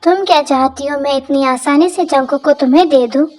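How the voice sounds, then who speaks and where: A woman's voice: high-pitched, a little fast, a little mellow, slight background noise, lightly acted. A woman voicing a jealous, vengeful young rival in a fan dub drama, sneering and threatening.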